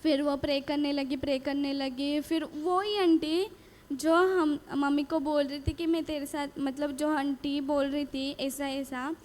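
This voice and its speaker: High-voiced woman. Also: level tone, a little slow, a little mellow. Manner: earnest storytelling, repeating phrases and quoting dialogue. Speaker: retreat speaker giving testimony. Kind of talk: personal faith testimony.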